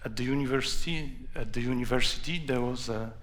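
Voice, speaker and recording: A Polish man with a Polish accent and a creaky voice, an author telling personal anecdotes in a halting, deliberate way. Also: medium pitch, fairly bright tone. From Poland. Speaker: author, guest. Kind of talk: anecdotal storytelling at a live talk.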